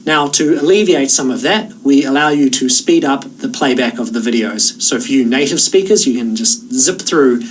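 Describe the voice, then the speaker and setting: A man with a New Zealand accent, an online course instructor explaining how the course works in a relaxed, conversational way. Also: medium pitch, moderate pace, few pauses, recorded from a distance, a little hiss or hum, poor audio. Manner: relaxed, conversational, with frequent "uh" fillers. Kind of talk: course orientation talk to camera.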